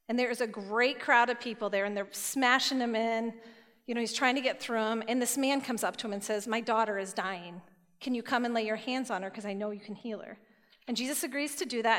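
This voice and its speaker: Woman preaching in a big reverberant hall. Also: a little high. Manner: lively storytelling, reads and paraphrases scripture. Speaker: youth speaker. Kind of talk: sermon.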